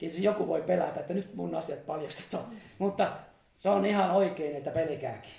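A man's voice: fairly high pitch, gravelly, dark tone, roomy sound. A man preaching a charismatic sermon, fervent, breaking into hallelujahs and laughter. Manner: fervent, exclaims hallelujah, laughs between phrases. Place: church meeting hall.

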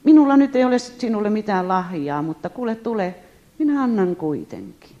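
A kindly old woman, high and eager, her voice jumping around as a woman storyteller puts her on. It has a warm, mellow tone. The recording is dull and lo-fi. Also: very animated. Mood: insistent.

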